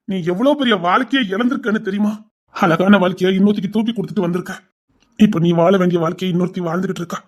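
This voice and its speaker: Give me a man playing a remorseful older father with a Tirunelveli Tamil accent, scolding his daughter in a very high voice. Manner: scolding, then pleading.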